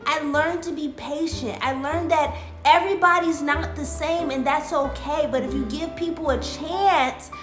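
High-voiced woman telling a story. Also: normal speed, hardly any pauses, over music. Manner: animated, acts out lines and dog barks. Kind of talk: casual spoken storytelling. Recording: echoey room with faint noise.

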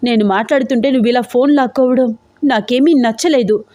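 A woman's voice: sits high, moderate pace, dark tone, no room sound, pitched above the performer's own voice, natural voice. A woman voicing a frantic, pampered young woman in a storybook audio drama, talking in an urgent, pleading, tearful way. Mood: panicked.

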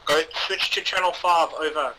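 A man's voice: on the high side, moderate pace. A man acting as commander in a game, heard over a radio channel and talking casually with hesitant fillers. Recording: noisy radio line with clicks.

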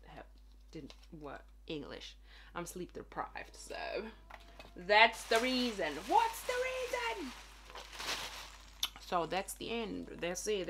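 A woman's voice: on the low side, creaky, background noise. A woman vlogger talking casually, joking around, giggling and swearing cheekily as she wraps up her video. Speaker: fashion vlogger. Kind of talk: casual vlog outro.

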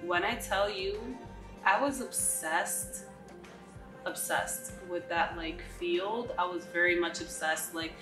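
A woman's voice: fairly low pitch, fairly even intonation, slow pace, roomy sound, music in the background, rough recording. A woman in her twenties from the Dominican Republic, chatting casually to camera with a stuffy nose from a cold. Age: 20s. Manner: chatty, slangy, addresses viewers directly. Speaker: vlogger. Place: bright living room, indoors.

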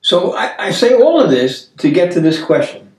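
A man's voice: sits high, big pitch swings, a little mellow, distant mic, a little hiss or hum. Older man in his 70s, earnest Bible-study host, tells stories with restarts; roomy, off-mic sound. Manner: earnest, storytelling, halting restarts. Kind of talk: casual Bible discussion. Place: dining room table, indoors.

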